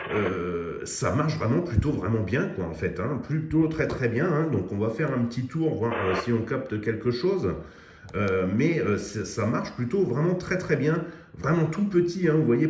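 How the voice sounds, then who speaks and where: Showing viewers a CB radio in a casual product demo, a male radio equipment reviewer chats away directly to the audience, leaning on plenty of fillers. His medium-pitched, slightly mellow voice is expressive and moves at normal speed. The echoey room adds faint noise to the recording.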